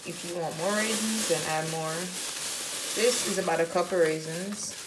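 A cooking vlogger gives a casual demonstration in her home kitchen, chatting offhandedly while she measures. Her voice is fairly low and moderately paced, buried in heavy background noise from the loud clatter of dishes and utensils.

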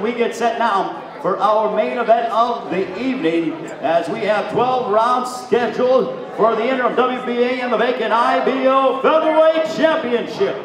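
A male ring announcer works a boxing event with a very high-pitched, showy delivery, stretching names like a lucha libre announcer. His amplified voice rings through a long, echoing hall with a clear crowd behind him. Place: large indoor hotel event room. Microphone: handheld microphone through PA.

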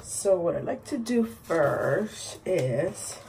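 A woman narrates her skincare routine in a casual bilingual vlog, relaxed and switching between Spanish and English. Her voice is on the low side and slow. She records in a small indoor bathroom with a camera or phone at about arm's length, and the home recording is clearly noisy.

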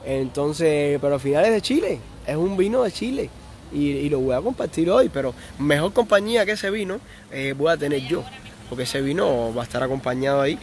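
A man's voice: on the high side, animated, fairly quick, a little mellow, slight background noise. A young man with a Cuban Spanish accent, chatting casually on a live stream, reading viewer comments aloud and answering them. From Cuba.

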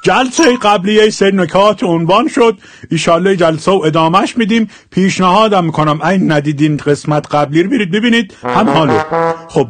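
Young shirazi guy teaching his dialect, high voice, jokey, slows down for examples, faint hiss behind. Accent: Shirazi Persian. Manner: chatty and joking, slows down to spell out examples. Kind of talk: casual video lesson.

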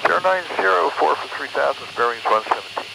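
A man speaking as an airline pilot over the aircraft radio, giving clipped, routine readbacks of clearances. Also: medium pitch, animated, fast. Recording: radio transmission under loud aircraft noise.

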